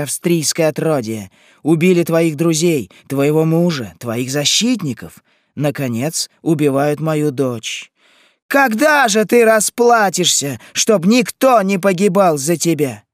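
A man's voice: a little high, husky, no echo, studio quality, exaggerated voice. A man reading an audiobook, voicing a frantic grieving old mother who shrieks and accuses. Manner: shrieking, accusing, sobbing outbursts. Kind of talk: audiobook character voice.

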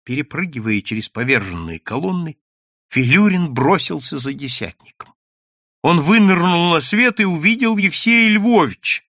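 A man narrating an audiobook with an animated, dramatic delivery. His voice is bright and sits rather high, and it moves a lot. The recording is close and dry. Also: normal speed, dry recording. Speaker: audiobook reader.

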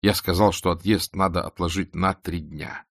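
A man voicing a proud young aristocratic officer who speaks slowly and measuredly, holding back anger. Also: low-pitched, steady tone, no room sound, clean studio sound. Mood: cold.

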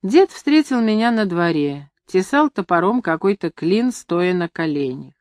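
Low-voiced woman reading a novel aloud. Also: sing-song, unhurried, darkish tone, no room sound. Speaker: audiobook narrator. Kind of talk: scripted literary narration.

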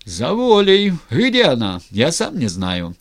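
A man voicing a coarse cossack who mocks the tsar, jeering, bossy and shouting. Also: on the high side, wildly swooping pitch, slow pace, pitched above the performer's own voice, exaggerated voice. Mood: mocking. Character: coarse mocking cossack playing a mock tsar.

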